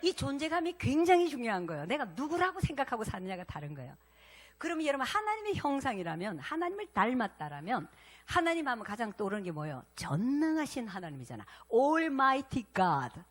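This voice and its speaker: A woman pastor preaches with animated, lively intonation, pitched fairly high for a woman. She talks to her congregation directly, asking questions and prompting them to respond. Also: fast talker. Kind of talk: sermon.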